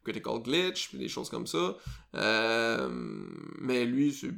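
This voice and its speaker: A man with a Quebec French accent hosts a casual podcast chat, wandering through his explanations with frequent fillers and restarts. His voice has a gravelly, creaky edge. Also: mid-range voice, lively intonation, slow, fairly bright tone. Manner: rambling, lots of fillers and self-corrections. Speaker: podcast host.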